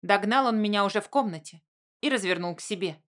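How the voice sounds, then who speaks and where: A woman reading a novel aloud in first-person narration, in an even storytelling manner. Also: medium pitch, quick pace. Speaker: audiobook narrator.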